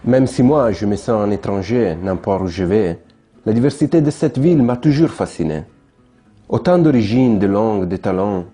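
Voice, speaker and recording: A man narrating his own documentary in a measured, reflective voice-over. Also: on the low side, expressive, music in the background. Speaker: filmmaker narrating his project.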